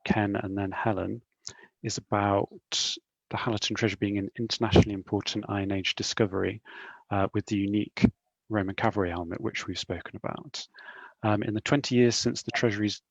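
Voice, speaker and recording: Gravelly polite male panel moderator. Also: on the low side, level tone, brisk, dry recording, muffled recording. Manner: polite, apologetic, tongue-tied.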